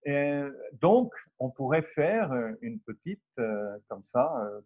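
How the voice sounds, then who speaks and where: A man's voice: medium pitch, sing-song, takes it slowly, narrow, tinny audio. A man with a French accent, a guest in a casual chat, friendly and encouraging, repeating his words.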